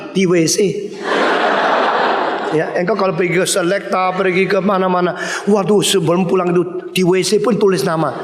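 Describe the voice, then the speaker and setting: A man preaching a sermon as pastor, telling stories animatedly and acting out the voices of the people in them. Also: sits high. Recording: reverberant hall.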